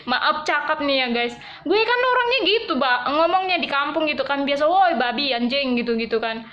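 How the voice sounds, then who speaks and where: A woman vlogger casually telling a personal story to camera in slangy, animated speech, with quick swings in emotion. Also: high-pitched, highs cut off.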